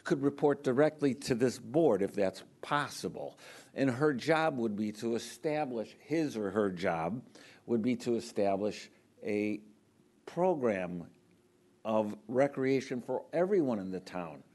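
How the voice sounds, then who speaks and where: An older man speaking off the cuff at a city council meeting, halting with frequent ums and restarts. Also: medium pitch, expressive, darkish tone. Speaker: public commenter. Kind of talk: unscripted public comment.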